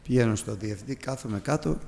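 A man preaching a sermon in a church, telling a personal story as a lively storyteller and putting questions to the congregation. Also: on the low side, slight background noise. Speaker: pastor. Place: church hall. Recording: long reverb of a church hall.

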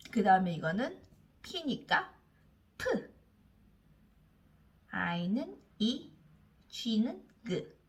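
A woman leads a phonics lesson, stretching each letter sound very slowly and drawing it out. Her pitch bounces around a lot as she coaxes the listeners to repeat each word after her. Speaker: English reading teacher. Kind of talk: slow phonics lesson for learners.

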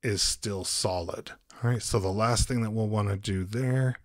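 A man giving a calm step-by-step software tutorial as host, with frequent ums. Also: on the low side, normal speed, no room sound, studio quality. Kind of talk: screen-recorded software tutorial.

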